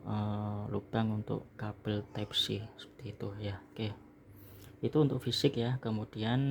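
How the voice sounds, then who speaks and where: A man's voice: on the low side, creaky, a little mellow, slight background noise. An Indonesian man recorded indoors in a small room, casually explaining a product as an online seller and often tagging phrases with a short confirming word. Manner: explanatory, repeatedly ends phrases with "ya". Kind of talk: casual product packing and review narration.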